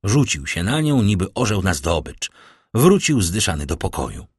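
Low, husky male audiobook narrator. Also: moderate pace, no room sound, studio quality. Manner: animated, theatrical delivery. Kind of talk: dramatic audiobook reading.

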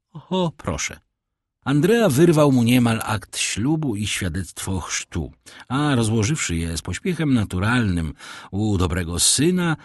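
A man narrating an audiobook in an expressive, theatrical reading. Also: on the low side, husky, no room sound, studio quality.

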